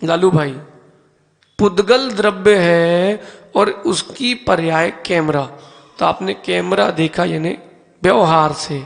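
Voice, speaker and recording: Slow-speaking monk with a gravelly voice. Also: male voice, sits high, in a large hall. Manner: asks listeners questions and calls on them by name; explains step by step with everyday objects. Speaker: Jain monk. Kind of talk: teaching sermon. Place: temple hall.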